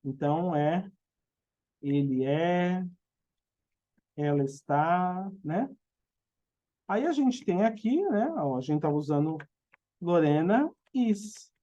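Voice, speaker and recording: A woman's voice: deep voice, animated, takes it slowly, long pauses, mellow, lo-fi sound. A woman with a Brazilian Portuguese accent teaching an English grammar lesson, patient and explanatory, often checking in with tag questions.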